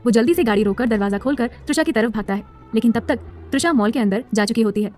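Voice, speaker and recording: A woman's voice: on the high side, fast talker, darkish tone, faint music behind. A woman narrating a serialized romance story in a scripted storytelling style.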